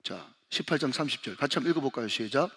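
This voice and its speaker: Husky-voiced man preaching in a reverberant church. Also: mid-range voice, lively intonation, quick pace, pushed and bright. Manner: emphatic preaching, often addresses the congregation and asks them to read along. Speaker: senior pastor. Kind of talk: sermon. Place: church sanctuary. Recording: long hall reverb.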